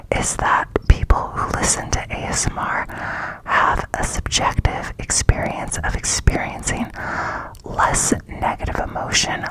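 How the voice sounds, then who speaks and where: An ASMR host speaks in a breathy, cupped whisper close to the mic, explaining things in an informal, unscripted ramble. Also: poor audio. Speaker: ASMR host introducing an educational series.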